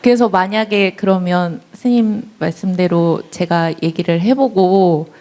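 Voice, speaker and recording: A woman's voice: lowish voice, measured pace, warm tone, slight background noise. A young woman in the audience, politely and hesitantly asking about her boyfriend. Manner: hesitant, polite, laughs nervously. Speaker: audience member asking a question. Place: lecture hall.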